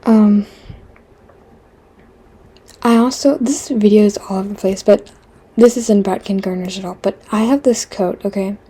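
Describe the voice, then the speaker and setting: A woman vlogger telling a casual, meandering storytime while she draws, full of fillers and self-interruptions, with wry deadpan asides. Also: medium pitch, normal speed, pauses often, breathy edge.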